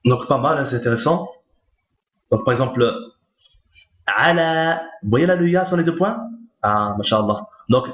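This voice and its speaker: Man teaching patiently in a roomy lo-fi recording. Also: mid-range voice. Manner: patient, repeats each point, checks with "d'accord?". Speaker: Arabic reading teacher. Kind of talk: recorded lesson explaining on screen.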